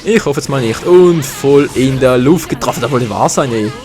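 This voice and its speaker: A man with a German accent giving excited live commentary over a fighting game, groaning and swearing at his misses. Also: mid-range voice, moderate pace. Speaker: gaming commentator. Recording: game music behind. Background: faint game music.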